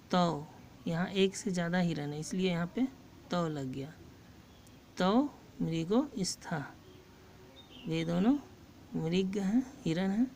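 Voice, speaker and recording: A woman teaching a lesson. She reads each phrase aloud and then explains it slowly and patiently. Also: lowish voice, gravelly, a little mellow, slight background noise. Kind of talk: slow line-by-line Sanskrit lesson with Hindi translation.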